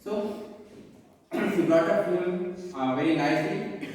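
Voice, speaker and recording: A man's voice: on the high side, slow, darkish tone. Indian man lecturing earnestly in echoey hall. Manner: earnest, explanatory, repeats points and checks with "okay". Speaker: teacher addressing students. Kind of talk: school lecture. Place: large echoing room. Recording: very echoey hall, distant mic.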